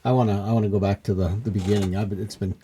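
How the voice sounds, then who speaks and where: A man's voice: lowish voice, fairly even intonation, racing, warm tone. A man co-hosting a podcast, chiming in easily during a casual chat.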